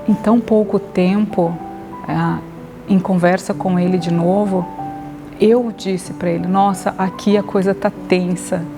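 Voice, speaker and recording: Woman, forties, Brazilian accent, lowish flat voice, hesitant with fillers, music under. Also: unhurried. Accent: Brazilian Portuguese. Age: 40s. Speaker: public health official. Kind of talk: documentary interview.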